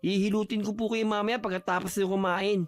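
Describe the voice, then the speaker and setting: A man voicing a gentle, devoted son who speaks softly and politely to his sick mother. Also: sits high, little pitch movement, brisk, natural voice. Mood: tender. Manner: soft, polite, tender. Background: faint music.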